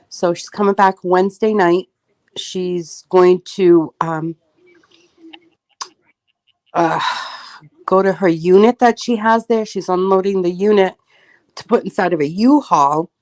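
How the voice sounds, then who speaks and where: Gushing woman chatting slowly, dry sound. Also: lowish voice, dry recording. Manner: effusive, gushing, emotional. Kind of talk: casual livestream chat.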